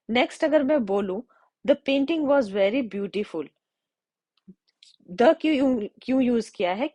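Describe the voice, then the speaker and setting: A woman teaching English grammar to students, explaining step by step, checking in often, and slowing down to read out example sentences. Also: sits high, darkish tone, no room sound.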